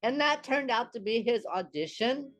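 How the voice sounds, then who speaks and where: A man's voice: extremely high pitch, lively intonation, loud music behind the voice. Chuckling man guest from Texas. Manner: halting starts, chuckling as he talks. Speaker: filmmaker and comedian guest. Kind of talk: casual interview chat.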